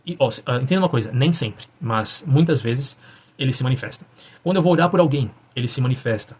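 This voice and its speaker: A young man recounts his faith testimony in a husky, slightly breathy voice. He talks quickly and earnestly, often stopping and restarting his sentences as he searches for words. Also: medium pitch, animated, darkish tone. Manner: earnest, halting, with frequent restarts and fillers. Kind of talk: personal testimony.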